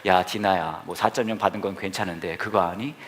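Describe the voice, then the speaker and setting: A man's voice: deep voice, steady tone, fairly quick, slight background noise, voice pushed down, lightly acted. A male pastor voicing a boastful church elder and father who compares children. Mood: boasting.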